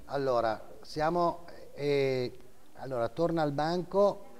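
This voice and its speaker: In a large indoor auction hall, a middle-aged auctioneer behind a desk runs the sale live, with terse calls of lots and bids and frequent repetition of the numbers. His pitch sits fairly high, his tone is darkish, and he moves at a slow pace.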